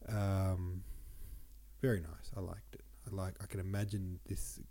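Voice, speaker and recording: Old poems get read aloud here by a male podcast host whose voice sits low and moves a little slowly. He is sniffly and congested, and his commentary comes as relaxed, casual asides.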